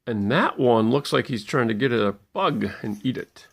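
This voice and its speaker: A man with a husky, gravelly voice playfully reads a bedtime story to small children, like a parent would. He pauses to point out details, his pitch swinging in a lively way.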